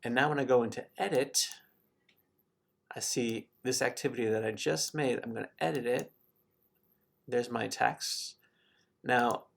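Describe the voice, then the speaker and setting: A man calmly walking through a screen-recorded software tutorial, explaining each step as he clicks through. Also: medium pitch, creaky.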